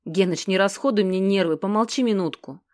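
A woman's voice: medium pitch, a little fast, a little mellow, no echo, clean studio sound, close to an everyday voice. A woman voicing a curt, irritable young man who is hurt, in an audiobook. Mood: irritated.

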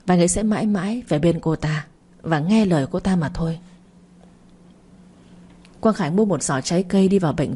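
A woman narrating a dramatic family story in a steady, scripted reading. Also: fairly low pitch, husky.

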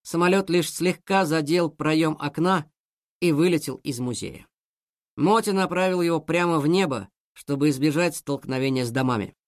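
A man's voice: a little high, moderate pace, dry recording, clean studio sound. Man narrating a children's story. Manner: lively, expressive storytelling.

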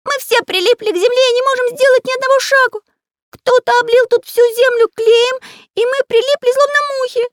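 A narrator voicing an excited little male pencil-man artist in a storybook reading, shouting shrilly in a very high voice. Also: a little fast, no room sound, clean studio sound. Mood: alarmed shouting.

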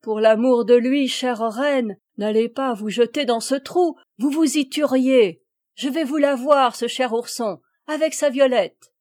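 Frantic faithful maid, high and loud, put on by a woman narrator. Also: measured pace, no echo, clean studio sound, lightly acted. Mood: pleading. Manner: shrill repeated cries. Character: excited loyal female servant, frantic.

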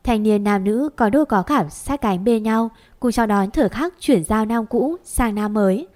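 A woman narrating a story aloud in a calm, even reading voice. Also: mid-range voice, moderate pace.

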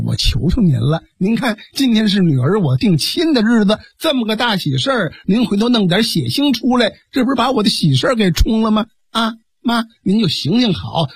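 A gentle young daughter pleads and implores, as a male storyteller plays her. The husky voice swings widely in pitch. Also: big pitch swings, fairly quick, few pauses, dry recording, clean studio sound, exaggerated voice. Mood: pleading.

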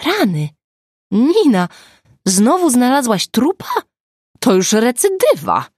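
A woman's voice: medium pitch, normal speed, dry recording, clean studio sound, voice pushed up, close to an everyday voice. A woman voicing a frantic, worn-out young woman. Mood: relieved. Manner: cries out in alarm. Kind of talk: audiobook character voice.

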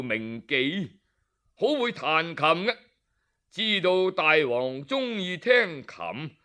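A man with a Hong Kong Cantonese accent tells a traditional story in an animated, dramatic way, using interjections and pauses. His voice sits high.

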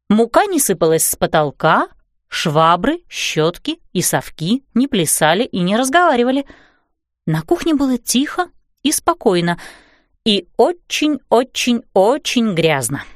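A woman reading a children's storybook aloud in a lively, animated style. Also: a little high, no room sound, studio quality. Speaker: audiobook narrator. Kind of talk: expressive storybook narration.

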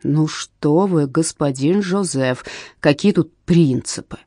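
Brief: woman reader doing an eager, coaxing canal worker in a storybook, lively swooping lines, warm tone. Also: lowish voice, dry recording, clean studio sound, pitched above the performer's own voice. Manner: wheedling, drawn-out exclamations. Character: excitable male canal worker, scheming and friendly.

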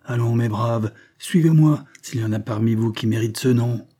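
A man voicing a brave, commanding young gentleman who speaks with scorn and resolve in a storybook reading. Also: medium pitch, normal speed, lightly acted. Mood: rousing.

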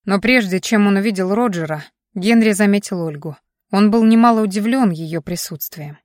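Measured woman audiobook narrator, dry close sound. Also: mid-range voice, dry recording.

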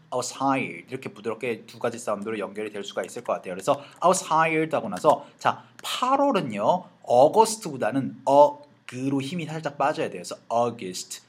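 A man teaching English pronunciation in Korean, saying words slowly over and over for learners to copy. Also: mid-range voice, husky. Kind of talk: lesson with drills.

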